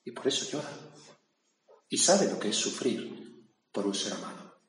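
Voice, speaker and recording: At a moderate pace, a very animated man with a lowish voice preaches a reflective gospel message, chatting with listeners through brief asides. Faint room noise comes through the hall's echo.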